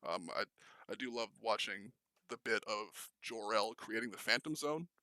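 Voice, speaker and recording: A young man rambles eagerly through a casual film chat on a podcast, full of "um"s and restarts. His voice is bright and forward, recorded dry and close with little room sound. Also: on the low side, normal speed, dry recording. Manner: rambling, enthusiastic, many fillers and restarts. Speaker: podcast co-host.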